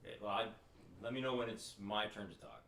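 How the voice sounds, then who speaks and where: A man's voice: fairly low pitch, animated, fast, creaky, a bit bright. A man playing a tabletop game, chatting in an amused, easygoing way. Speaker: player. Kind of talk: casual game chat. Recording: roomy, distant mic.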